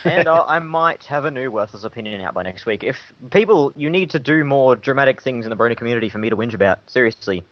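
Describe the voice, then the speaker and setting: A man's voice: mid-range voice, expressive, fast, few pauses, dry recording, highs cut off. A man co-hosting a podcast, joking crudely and boasting about himself. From Australia. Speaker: podcast co-host. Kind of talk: casual banter.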